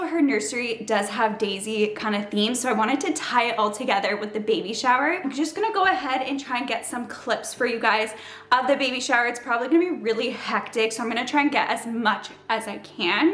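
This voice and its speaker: A woman's voice: on the high side, a bit bright, echoey room. A young woman vlogging at home in a chatty, bubbly way, a little out of breath. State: slightly out of breath. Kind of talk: casual vlog talk to camera. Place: family house indoors.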